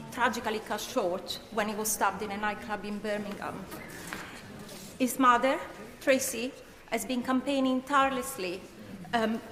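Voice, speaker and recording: A woman with a British accent and a fairly high voice puts a formal parliamentary question. The big hall echoes and a crowd is clearly heard behind her. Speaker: member of parliament. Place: large debating chamber.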